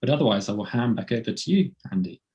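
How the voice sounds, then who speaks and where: A man with a croaky, cold-roughened voice presenting a medical teaching webinar in a plain explaining way. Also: mid-range voice, expressive, quick pace, a little mellow, highs cut off. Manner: plain explaining, light laughs.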